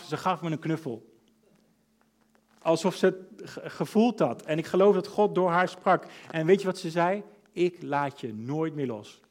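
Male pastor, 30s, sermon; earnest, hushed at times, then urging. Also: a little high. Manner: earnest, shifts between hushed intimacy and emphatic urging.

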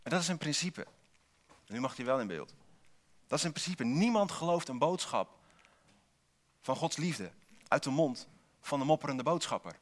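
Man preaching a sermon, repeating key words. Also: fairly high pitch. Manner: builds points with repeated single words and rhetorical questions; wry asides to the congregation.

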